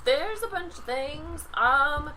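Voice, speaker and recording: A woman's voice: high voice, lively intonation, slow, bright, forceful tone. A woman chatting casually as a player in a tabletop game. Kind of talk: casual chat. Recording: some background noise.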